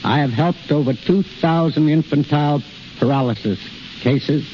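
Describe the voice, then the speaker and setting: The guest speaker, a middle-aged man who heads an institute, gives formal, precise answers in a scripted 1930s radio interview. His mellow voice sits on the high side at normal speed, and the recording is hissy and muffled, typical of the 1930s.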